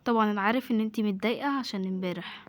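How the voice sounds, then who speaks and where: A woman's voice: medium pitch, rapid-fire, natural voice. A woman with an Egyptian accent voicing a young man at an office who apologizes and pleads in an amateur home drama. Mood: apologetic.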